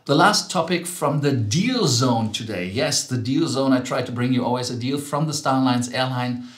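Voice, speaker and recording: A man's voice: mid-range voice, moderate pace, reverberant. A man with a German accent hosting a travel news show, chatting casually with many ums and self-corrections.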